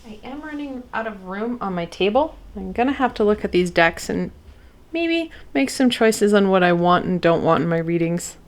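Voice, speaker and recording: This is a woman's medium-pitched, expressive voice as she does an oracle card reading of a spiritual kind for her audience. She is tender and supportive, often stopping to pause thoughtfully.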